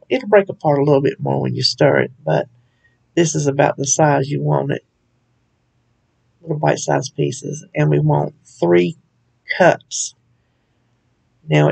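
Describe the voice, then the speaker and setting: Woman with a really gravelly fry-heavy voice, chatty home cook walking thru a recipe, laughs a lot. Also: deep voice, a little mellow. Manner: chatty, laughs often, folksy asides. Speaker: cooking channel host. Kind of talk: casual recipe walkthrough.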